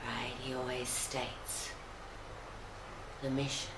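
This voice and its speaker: A woman commenting on a video, halting and full of restarts. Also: very deep voice, level tone, reverberant, very noisy. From Australia. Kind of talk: casual commentary.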